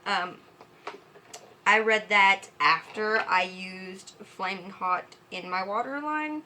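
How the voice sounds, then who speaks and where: A woman's voice: medium pitch, slow pace, sharp tone, slight background noise. A drunk woman giving a casual, chatty makeup tutorial, fumbling and tripping over her words as she goes.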